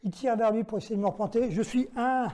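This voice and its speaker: A man's voice: very high voice, quick pace, warm tone. A man leading a self-defense lesson, explaining each move step by step while demonstrating and counting the moves aloud. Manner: explains step by step, checks in with "d'accord?".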